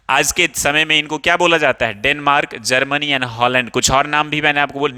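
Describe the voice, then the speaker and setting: A man's voice: a little high, bright, forceful tone, in a large hall. A man with an Indian accent teaching an English textbook chapter, asking questions and answering them himself and calling his students "babu". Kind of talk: explaining a textbook chapter in Hindi with English phrases.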